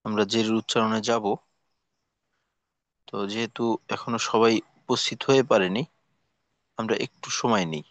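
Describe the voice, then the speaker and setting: A man, teaching a Quran reading class online and reciting the letter sounds slowly. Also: on the low side, little pitch movement, a bit bright, no echo. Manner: slow, drawn-out recitation.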